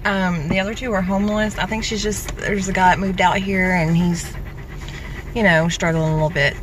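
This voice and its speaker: A woman making soft, offhand remarks from off camera in a casual vlog. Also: lowish voice, fairly even intonation, moderate pace, a little hiss or hum, low-quality recording. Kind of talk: casual chat.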